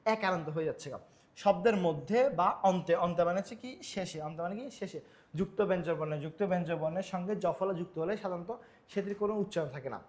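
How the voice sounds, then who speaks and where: Young male tutor, high and fast, rhetorical-question lecturing style. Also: a little mellow. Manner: repetitive, quizzing himself with rhetorical questions. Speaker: Bengali grammar teacher. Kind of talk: exam-prep lecture over slides.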